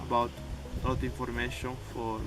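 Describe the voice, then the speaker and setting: Flat-voiced hesitant young man. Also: mid-range voice, a little fast. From Peru. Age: young adult. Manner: hesitant, broken phrasing. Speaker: volunteer. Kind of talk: interview answers. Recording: distant mic with loud music.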